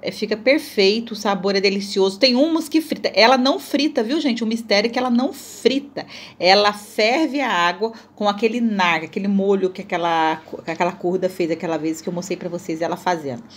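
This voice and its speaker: A Brazilian cooking vlogger with a Brazilian Portuguese accent narrates her video briskly in a medium-pitched voice. She's chatty, playful, and self-mocking, often speaking directly to viewers.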